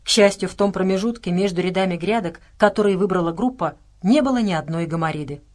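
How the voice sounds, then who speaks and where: A woman narrating an audiobook in an even, measured reading style. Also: on the low side. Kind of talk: scripted narration.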